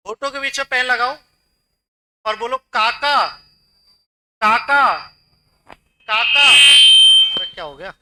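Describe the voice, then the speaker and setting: A man's voice: very high voice, sharp tone, no echo. A man teaching pronunciation in class, drilling sounds aloud and asking students to repeat. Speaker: Hindi teacher.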